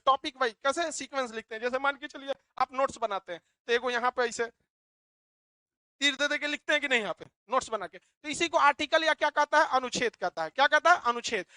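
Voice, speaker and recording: A male teacher lecturing a classroom, animated, asking the class questions and answering them himself. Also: very high voice, no echo.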